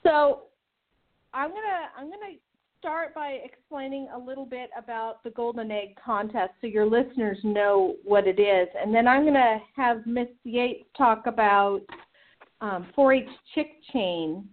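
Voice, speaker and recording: A woman's voice: a little high, a little slow. Lady calling in on speakerphone, thin phone sound, walks through the plan one step at a time. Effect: tinny phone line on speakerphone. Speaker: state 4-H program leader, guest. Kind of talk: guest explaining a contest. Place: out on location with others around. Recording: tinny phone line.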